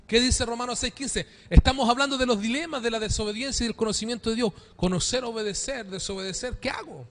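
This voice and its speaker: A man's voice: extremely high pitch, quick pace, few pauses. A man preaching a sermon as pastor to his congregation, asking rhetorical questions and calling for amens. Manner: dynamic preaching, calls for amen, rhetorical questions. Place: church.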